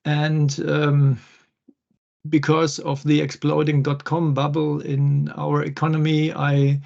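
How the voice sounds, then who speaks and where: A man's voice: fairly high pitch, creaky, a little mellow. A middle-aged man introducing himself conversationally as an academic panelist in an online meeting. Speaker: panelist, university lecturer. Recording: slightly dull online call audio.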